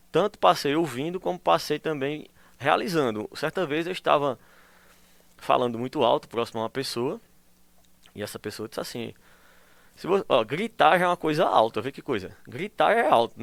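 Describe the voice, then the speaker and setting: A male teacher gives a recorded school lesson in a voice on the high side, at a moderate pace with some vocal fry and no room sound. He explains patiently, keeps checking in with tag questions, and acts out example phrases in a lively way.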